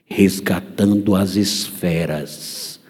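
Brazilian pastor telling a story, dark low voice, echoey church hall. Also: male voice, drawn-out words, husky. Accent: Brazilian Portuguese. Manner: animated storyteller, swings into high voices. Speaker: preacher. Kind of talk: sermon storytelling.

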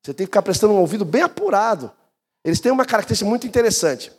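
A man, a pastor preaching a sermon and telling stories with lively swings of voice. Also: racing, breathy edge. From Brazil. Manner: animated storytelling, swings between high and low pitch. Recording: reverberant church hall.

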